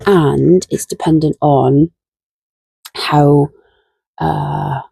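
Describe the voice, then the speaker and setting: A gardening vlogger with a low, croaky, gravelly voice chats casually while doing jobs in her garden shed and greenhouse, drawing out her words. She sounds tired but relaxed, chatty and self-deprecating, and the sound is dry and close with no room echo.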